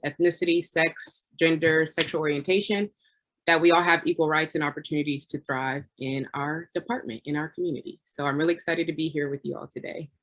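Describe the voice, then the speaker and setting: A woman introduces herself to a panel over a video call. She speaks earnestly and often pauses with an "um" between phrases. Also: low-pitched, a bit bright. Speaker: chemistry doctoral student, panelist.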